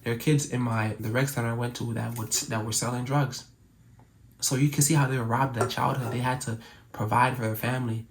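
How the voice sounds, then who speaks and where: A man's voice: medium pitch, fairly even intonation, fairly quick, slight background noise. A young man from Cameroon whose first language is French, talking earnestly to camera in a casual, reflective way. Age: young adult. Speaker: YouTuber.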